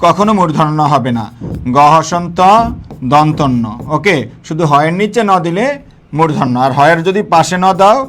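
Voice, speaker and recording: Man teaching a lively live grammar class. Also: fairly high pitch, slight background noise. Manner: repeats key points and quizzes the class; colloquial, mixing in English words.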